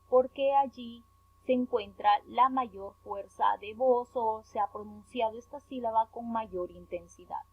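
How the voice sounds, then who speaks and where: Peruvian lady teacher, talks real slow, stresses syllables, sounds like over a phone. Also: fairly high pitch, breathy edge, dry recording. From Peru. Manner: slow, careful, stresses syllables when spelling words out. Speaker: primary school teacher. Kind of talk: remote class lesson explaining worksheet. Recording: tinny phone-like audio, dry.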